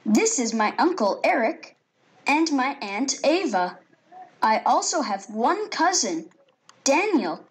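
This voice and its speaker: A woman voicing a cheerful nine-year-old boy in a recorded textbook listening audio, with a bright, sing-song delivery. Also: high-pitched, sing-song, slow, heavily acted.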